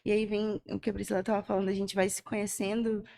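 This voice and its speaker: A woman's voice: mid-range voice, little pitch movement, fast talker, creaky, darkish tone. A woman from Manaus, a guest artist in a casual podcast conversation, reflecting and thinking aloud. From Manaus, Brazil.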